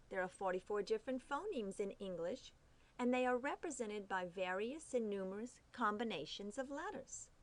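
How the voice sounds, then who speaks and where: A woman teaching a phonics lesson, carefully saying each letter sound and repeating it. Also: medium pitch. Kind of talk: slow, deliberate phonics lesson.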